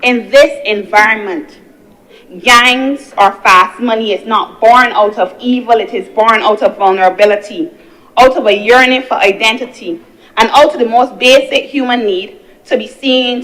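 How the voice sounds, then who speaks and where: A woman's voice: a little high, moderate pace, fairly bright tone, rough recording. A young woman giving an earnest parliamentary speech as a senator, building her points through repeated phrases. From Barbados. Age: young adult. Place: senate chamber.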